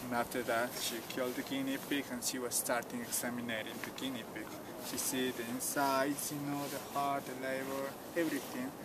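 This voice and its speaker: A little fast and with hardly any pauses, a mid-range male voice tells a story in a casual interview at an outdoor mountain site. The speaker, a tour guide from rural Cusco, Peru, who grew up speaking Quechua, sounds relaxed, uses simple phrasing and says "you know" often. The distant mic makes it very noisy with loud ambience.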